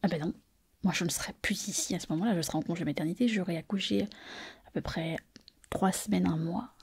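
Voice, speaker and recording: A woman's voice: on the low side, brisk, darkish tone, breathy edge. A woman whispering in an ASMR roleplay, playing a chatty, self-satisfied pregnant surgeon close to the mic. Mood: confiding whisper. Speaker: ASMR performer.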